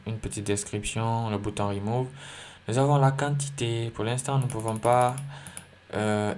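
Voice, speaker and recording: A man's voice: fairly low pitch, a little mellow, a little hiss or hum. A man teaching a coding lesson, thinking aloud with lots of fillers and self-corrections. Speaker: coding tutorial instructor. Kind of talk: screen-recorded coding lesson. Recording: faint keyboard typing and clicks.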